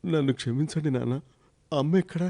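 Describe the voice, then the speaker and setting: A man's voice: on the high side, brisk, vocal fry. A man playing a remorseful grown son who breaks into sobbing outbursts over his mother. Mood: mournful. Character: remorseful adult son, grief-stricken and frantic.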